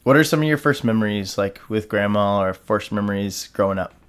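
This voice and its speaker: A young man hosting a casual podcast chat, relaxed and rambling, with many fillers. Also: on the low side, fairly quick, smooth. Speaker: podcast host.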